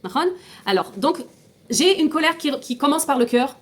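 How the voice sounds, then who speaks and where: A woman's voice: high voice, lively intonation, moderate pace. A woman teaching an informal class, explaining step by step, asking her students questions and often restarting and repeating words. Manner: mixes in Hebrew terms.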